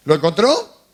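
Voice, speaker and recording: A man's voice: sits high, vocal fry, breathy edge. A man preaching a sermon as pastor, telling stories and putting questions to the congregation. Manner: conversational storytelling with questions to the congregation.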